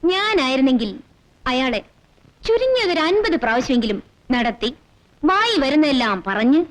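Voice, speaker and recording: A sassy young woman in an old film scene who teases and lectures her friend. Her high voice swoops up and down with lively, mocking playfulness. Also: moderate pace, low-quality recording. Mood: teasing. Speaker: teasing female friend. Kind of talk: 1980s film dialogue.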